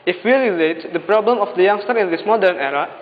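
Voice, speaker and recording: A man's voice: sits high, fast. A young man with an Indonesian accent delivers a memorized competition speech in a formal, declamatory, exhortative manner. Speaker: speech contestant. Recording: dull lo-fi, echoing hall, faint noise.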